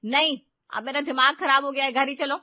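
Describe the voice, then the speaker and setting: A woman voicing a nosy, hot-tempered elder sister-in-law from a cartoon story, with a higher voice and a pushy, sharp-tongued way of talking. The recording is dull and lo-fi. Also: sing-song, brisk, no echo.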